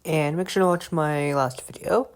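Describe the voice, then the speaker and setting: A woman's voice: deep voice, normal speed, rough recording. A woman hosting a casual narrated explainer video, often repeating and restarting words as she reads along. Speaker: video host.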